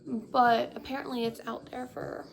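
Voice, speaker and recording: A woman's voice: fairly high pitch, level tone, moderate pace, gravelly, a crowd in the background. A young woman vlogging to her phone, chatty and rambling, cutting herself off often, talking with a put-on valley-girl inflection. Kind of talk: casual chat to camera. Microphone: phone camera. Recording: phone recording with faint music behind. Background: faint music playing.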